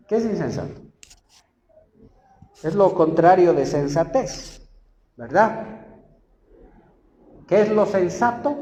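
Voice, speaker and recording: A male pastor with an Ecuadorian Spanish accent preaching a sermon, putting questions to the congregation and swinging between loud peaks and quiet asides. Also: high voice. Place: church. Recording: roomy church echo, slightly dull and noisy.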